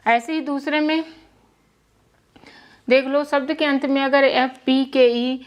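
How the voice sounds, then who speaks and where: A woman's voice: high-pitched, fairly even intonation, slow. A young woman teaching English pronunciation in a Hindi lesson, patiently repeating words and spelling out letters. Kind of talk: Hindi-language lesson explaining spelling rules.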